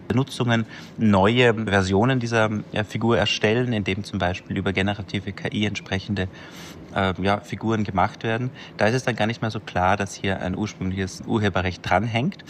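A man gives an expert statement in an interview, explaining carefully with frequent filler sounds. His voice is fairly low. A faint room ambience sits behind him. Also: steady tone, moderate pace, a little hiss or hum.

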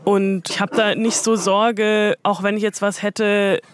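Woman curator on the radio, relaxed, thinks out loud, soft little laughs. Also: mid-range voice, unhurried. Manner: relaxed, thoughtful, often laughs softly. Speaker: guest, museum curator. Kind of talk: radio interview.

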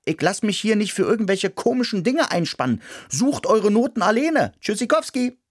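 A man doing a squeaky, cheeky city mouse. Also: big pitch swings, normal speed, husky, no echo, studio quality, full character voice. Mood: defiant. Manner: squeaky, defiant, snappy. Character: cheeky free male city mouse, stubborn.

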